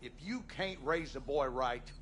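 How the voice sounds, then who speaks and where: An actor playing a bitter, abusive husband in a video game, with a Southern American accent and a menacing, aggrieved delivery. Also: male voice, medium pitch, measured pace, a bit bright, a little hiss or hum, natural voice. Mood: threatening. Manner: menacing, aggrieved, folksy cursing. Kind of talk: dramatic video game acting.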